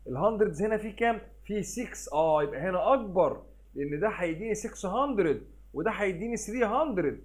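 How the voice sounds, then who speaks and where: A man with a somewhat high voice and an Egyptian Arabic accent, teaching a recorded math lesson for children. He keeps asking questions and answering them himself, and he drops English math terms into his Arabic. He reads long numbers out slowly and deliberately. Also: animated.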